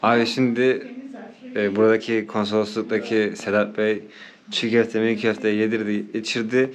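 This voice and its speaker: A man's voice: fairly low pitch, little pitch movement, normal speed. A man from Turkey hosting a travel vlog in casual, chatty, familiar talk. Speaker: travel vlogger host.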